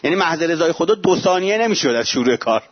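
A man gives a religious sermon in a lively, conversational way with playful asides. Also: a little high. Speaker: preacher. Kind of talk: religious sermon to a live audience. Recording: dull lo-fi recording.

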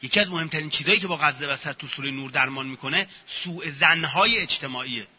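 A man's voice: a little high, husky. A man giving an informal religious lecture, sarcastic and acting out mocking examples as he talks. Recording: muffled echoey hall recording.

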